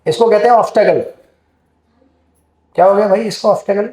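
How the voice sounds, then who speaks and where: A man's voice: sits high, a little fast, mellow. A man giving a conversational scripture class, asking the audience questions as he teaches, in an echoey hall. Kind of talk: Gita class lecture.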